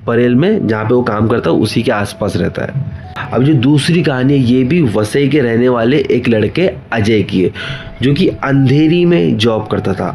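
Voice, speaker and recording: A man narrates a ghost story in a casual, unscripted way, repeating phrases as he goes. His voice sits at an ordinary middle pitch. A faint hiss of noise runs under the recording. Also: darkish tone. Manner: conversational, repetitive, loosely told. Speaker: horror storyteller. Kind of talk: casual spoken horror narration.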